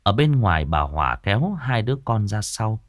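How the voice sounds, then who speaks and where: Expressive male ghost-story narrator. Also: on the low side, normal speed, dry recording, studio quality.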